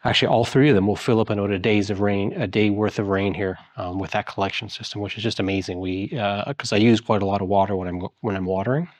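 A man's voice: on the low side, steady tone, quick pace, few pauses, no room sound. A man in his forties giving a casual, rambling tour of his garden and garage, with many fillers and restarts. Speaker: homeowner giving a house tour. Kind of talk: casual walkthrough narration. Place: outdoor garden and large garage of an old house.

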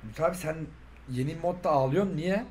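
A young man commentating a football video game with a friend, teasing him and shouting out the plays. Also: fairly high pitch, fast. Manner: teasing, shouting play-by-play, laughing. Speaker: gaming YouTuber. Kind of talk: excited gameplay commentary.

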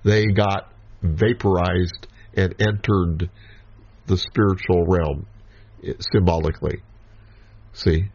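A man gives a Bible study lecture in a slow, measured way, leaving pauses between short phrases. His voice sits fairly low, and the recording sounds dull and lo-fi. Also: steady tone, a little mellow, slightly rough. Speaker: Bible teacher.

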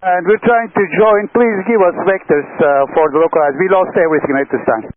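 A man's voice: high voice, fast talker. A man speaking as an airline pilot, making procedural air traffic control radio calls from the cockpit. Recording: tinny cockpit radio with faint static.

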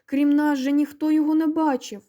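A woman voicing an excitable, bold village boy who shouts in a shrill, squealing voice in a storybook reading. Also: brisk, lightly acted. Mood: defiant shouting.

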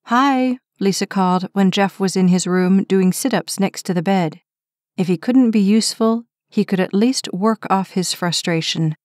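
A woman's voice: mid-range voice, steady tone, moderate pace, a little mellow, no echo. Woman narrating an audiobook, dry and close. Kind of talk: scripted narration.

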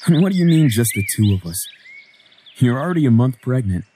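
A man's voice: mid-range voice, very animated, fairly quick, dark tone, a little hiss or hum, natural voice. A man in his twenties voicing a joking, playful young husband in an indie game, teasing and wisecracking. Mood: reassuring. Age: 20s.

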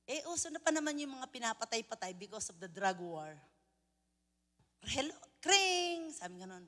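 A Filipino woman preacher giving an animated sermon, telling stories with frequent laughter. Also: medium pitch, quick pace, big-room sound. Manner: animated storytelling, mixing in laughter and English phrases.

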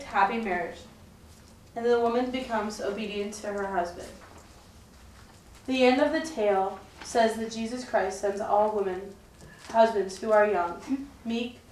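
A young woman reads scripted storytelling narration for a puppet show recorded in an indoor room. Her medium-pitched, darkish voice moves a little slowly with fairly even intonation, caught by a distant mic in an echoey space with faint noise.

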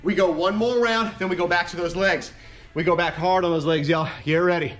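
A man in his thirties leads an online aerobics class from a large, empty gym studio, calling out moves and counts in clipped, energetic, encouraging commands. His voice sits high and a bit bright, fairly quick with a steady tone, and the empty room makes it echo.

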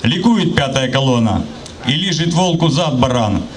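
A middle-aged man recites patriotic poetry into a handheld microphone at an outdoor rally, with an emphatic, measured line-by-line delivery. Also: mid-range voice, lively intonation. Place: outdoor city rally, open square. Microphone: handheld microphone, filmed from the crowd. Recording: noisy outdoor public address, ambient noise.

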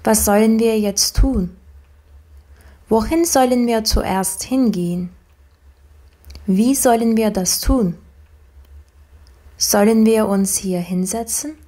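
A woman reads practice sentences in a slow, deliberate rhythm. Her voice is soft and mellow, and each line is set apart evenly for learners to repeat. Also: on the high side. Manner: slow, evenly paced, measured sentence-by-sentence delivery. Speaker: language example reader.

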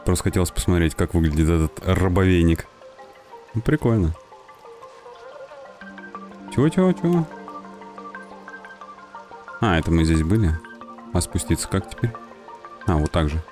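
A man with a deep voice narrates a game playthrough. He talks casually and thinks aloud in an informal way, with music clearly audible behind him. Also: a little fast, darkish tone. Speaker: gaming host.

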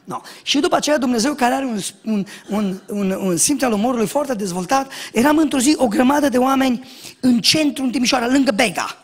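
A man preaching a sermon as pastor, telling jokes and acting out shouted lines and dialogue. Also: very high-pitched. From Romania. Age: young adult. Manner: animated storytelling, acts out shouts and dialogue, jokes.

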